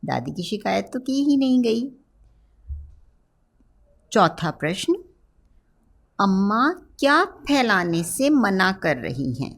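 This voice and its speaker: A woman teaching a primary-school class, speaking gently and asking the children questions. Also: medium pitch, very animated, slow pace, gravelly, long pauses. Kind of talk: children's lesson narration.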